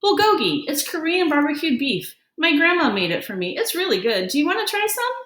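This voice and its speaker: A woman's voice: sits high, very animated, fairly quick, fairly bright tone, roomy sound, pitched above the performer's own voice. A woman voicing a friendly, eager new schoolboy in a storybook, kind and encouraging. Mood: proud, inviting.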